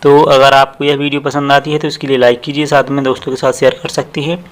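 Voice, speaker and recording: This Indian-accented man delivers his lesson at a medium pitch and in a flat manner, teaching one step at a time. As a tutorial teacher, he keeps explaining, says phrases more than once, and eases his pace for quoted sentences.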